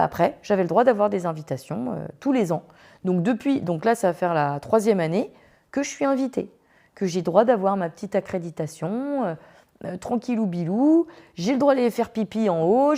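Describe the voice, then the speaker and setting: A woman's voice: medium pitch, animated, fairly quick, creaky, mellow. A woman hosting a podcast, telling anecdotes in a chatty, slangy storytelling way with many fillers. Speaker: podcast host. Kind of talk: casual storytelling.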